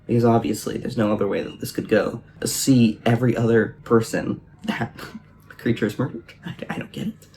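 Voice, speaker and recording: Man book reviewer, sarcastic and profane, mellow voice, faint noise. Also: medium pitch, fairly even intonation, brisk. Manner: sarcastic, profane, heavy use of "like". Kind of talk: casual book recap.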